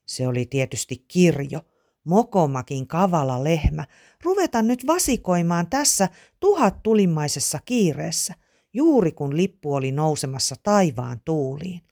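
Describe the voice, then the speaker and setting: A woman narrating a children's storybook aloud in an expressive, animated way. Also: low voice, vocal fry.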